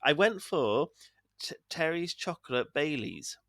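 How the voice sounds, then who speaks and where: Male podcast co-host, thirties, animated, bright, giggly. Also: on the high side, unhurried, dry recording, studio quality. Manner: laughs often, enthusiastic. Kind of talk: casual podcast banter.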